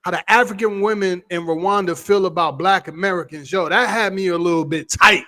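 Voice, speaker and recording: A man hosting a casual vlog, giving exuberant, slangy shout-outs to his viewers. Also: high-pitched, fairly quick, noisy background. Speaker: vlog host.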